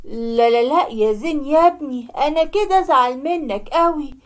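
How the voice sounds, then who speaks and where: A woman with an Egyptian accent voicing a smooth, scheming middle-aged uncle and father in a cartoon story. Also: sits high, expressive, normal speed. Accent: Egyptian Arabic.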